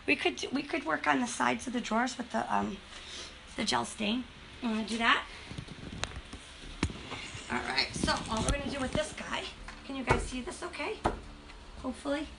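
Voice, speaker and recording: A bright, high-pitched woman leads a casual craft demonstration, addressing her viewers warmly as she works. Her voice has a gravelly edge. The live-stream audio carries a steady layer of noise. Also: moderate pace, pauses often. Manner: chatty and upbeat, talks to viewers as "you guys". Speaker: host demonstrating furniture finishing. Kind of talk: casual live tutorial chat. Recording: noisy live-stream recording.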